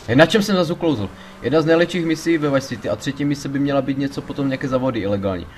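A man giving casual gameplay commentary, excitable, swearing a lot and panicking loudly when things go wrong. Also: mid-range voice, a little hiss or hum. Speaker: let's play gamer.

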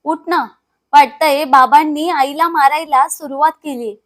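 An outspoken young wife confronts her family with urgent indignation, voiced by a woman narrator. Her voice is high and pressing, and it carries no shouting. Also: fairly even intonation, measured pace. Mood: frightened. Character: bold young woman, outspoken daughter-in-law.

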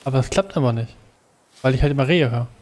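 Guy just chatting while he plays a game, mellow relaxed voice. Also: mid-range voice, quick pace, low-quality recording. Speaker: let's play gamer. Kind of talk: casual gaming chat with a co-player.

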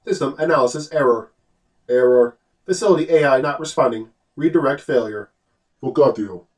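A man voicing a malfunctioning male facility AI that glitches and repeats itself in flat, clipped announcements, heard from a distance. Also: medium pitch, normal speed, natural voice. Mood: glitching, failing. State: glitching, stuttering system errors and repeats. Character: malfunctioning facility AI system, male, cold, mechanical.

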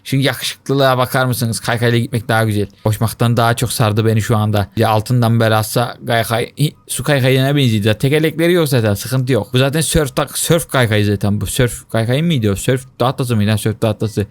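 A young man giving lively Let's Play commentary, talking to his viewers, complaining dramatically and shrieking and wailing whenever he fails. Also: mid-range voice, a little fast, hardly any pauses, dry recording. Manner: excitable, shrieks and wails when he fails. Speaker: gaming YouTuber.

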